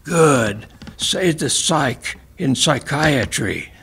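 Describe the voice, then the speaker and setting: A man's voice: mid-range voice, lively intonation, very slow, vocal fry, fairly bright tone, slightly rough, heavily acted. A man reading aloud and voicing a blunt, teasing old man who speaks in cryptic riddles. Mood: insistent. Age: older. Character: cryptic, prickly old man, former classmate.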